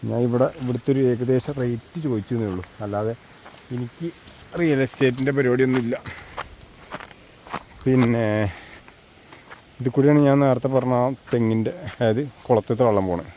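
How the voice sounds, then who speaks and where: Walking outdoors in hilly countryside, this male vlogger narrates a relaxed, chatty tour in Malayalam laced with English slang, speaking with a Kerala Malayalam accent. His warm, medium-pitched voice keeps a moderate pace and fairly even intonation, with long pauses. Background noise from the rural setting is clearly audible.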